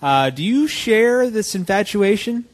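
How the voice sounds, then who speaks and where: A man co-hosts a casual comedy podcast and asks the guest questions. He talks with a slightly higher pitch and hesitates, often pausing with ums and uhs. His tone stays plain and conversational. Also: big pitch swings. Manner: hesitant, with many fillers. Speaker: podcast co-host.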